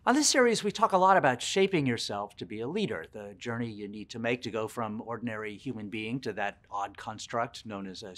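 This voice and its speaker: A man in his sixties hosting a video interview series, opening with a scripted introduction and then asking questions in a measured way. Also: medium pitch, fairly bright tone. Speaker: interview show host. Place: indoor office lounge.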